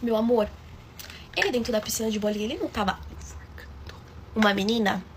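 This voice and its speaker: Woman spilling a story, talks super fast, kinda high voice, dramatic and chatty. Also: animated, a little hiss or hum. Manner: dramatic, chatty, addresses listeners directly. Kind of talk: casual storytime.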